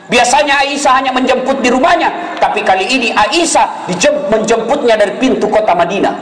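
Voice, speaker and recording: A man preaching a humorous sermon, telling stories and acting out characters in lively voices. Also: very high-pitched, brisk. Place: hall with live audience. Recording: echoey hall with faint noise.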